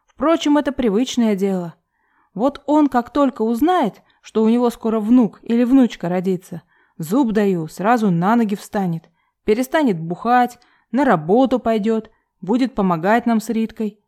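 A woman voicing a bitter young man, rude, loud and sarcastic. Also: medium pitch, normal speed, lightly acted.

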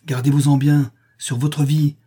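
A man's voice: fairly high pitch, lively intonation, normal speed, dark tone, breathy edge, voice pushed up. A man voicing a young American man who takes charge, barking commands over a storm in a read-aloud story. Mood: urgent.

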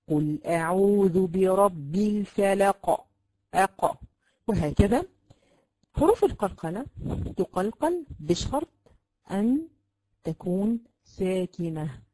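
Fast-talking Egyptian woman teaching. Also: on the low side, dark tone, low-quality recording. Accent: Egyptian Arabic. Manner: explains patiently, repeats sounds to demonstrate, many drawn-out fillers. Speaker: Quran recitation teacher. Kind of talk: classroom lesson.

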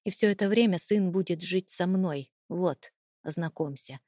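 A woman's voice: fairly low pitch, moderate pace, dark tone, no room sound, studio quality, natural voice. A woman reading an audiobook, voicing a cold, contemptuous, domineering husband with a mocking, menacing manner. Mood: cold menace.

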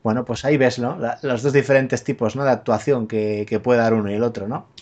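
A man's voice: medium pitch, fairly even intonation, a little fast, a little mellow, dull audio. A man from chatting casually about films on a podcast, rambling with fillers and tag questions and swearing freely. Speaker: podcast co-host. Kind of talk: casual film chat.

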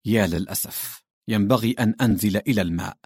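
A man voicing a hefty, crude male landowner who grumbles and shouts in exasperation. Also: lowish voice, fast talker, breathy edge, no echo, studio quality. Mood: grumbling.

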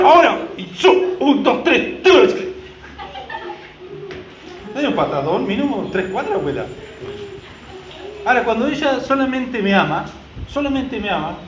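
A man's voice: sits high, echoey room, dull audio, a little hiss or hum. A man preaching a sermon as pastor, in a conversational way, putting questions to the congregation and adding joking asides.

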